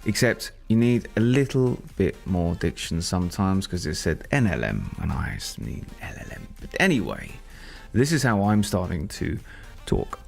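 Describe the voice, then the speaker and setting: Deep, gravelly man coding live. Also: very animated, moderate pace, soft background music. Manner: thinking aloud, rambling with restarts. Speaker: software developer live-streaming. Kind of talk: casual live coding stream.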